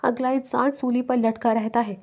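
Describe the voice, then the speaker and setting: A woman's voice: on the high side, flat delivery, a little mellow. Commanding, brusque young lover, voiced by a woman in a romance audiobook.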